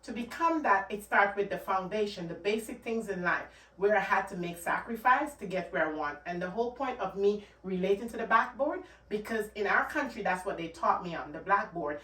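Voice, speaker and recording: Speaking to camera with a Guyanese accent, this woman from Guyana offers casual money advice, earnest and emphatic, going over her points more than once. Her mid-range voice is sharp and lively, a little fast with few pauses, recorded from a distant mic in an echoey space.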